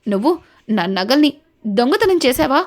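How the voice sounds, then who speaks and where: Woman as firm young bride, emphatic, slow, somewhat lower than her own voice. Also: big pitch swings. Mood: insistent.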